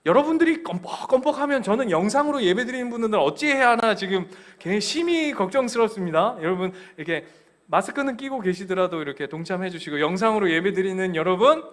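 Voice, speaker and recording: A male pastor preaches in a church, his voice sitting high for a man. He is animated and keeps asking the congregation questions. He also slips into the voices of the people he quotes. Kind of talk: sermon. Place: church sanctuary.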